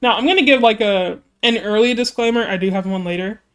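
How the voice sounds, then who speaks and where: A streamer reacts to music videos in casual chat, rambling and interrupting themself with lots of fillers. The voice is medium-pitched, a little fast, fairly bright and smooth, but keeps catching because of throat trouble.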